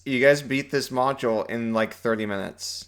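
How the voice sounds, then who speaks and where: A game master running a tabletop game, unhurried and wry as he wraps up. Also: medium pitch, over a noisy crowd.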